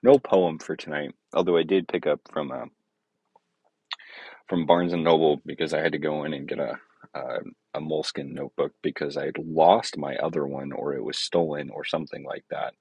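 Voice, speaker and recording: A man's voice: extremely low pitch, steady tone, moderate pace, creaky, husky, dry recording, muffled recording. A man hosting his own podcast, talking in a meandering, hesitant way with many fillers and self-corrections. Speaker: podcast host. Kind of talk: rambling casual monologue.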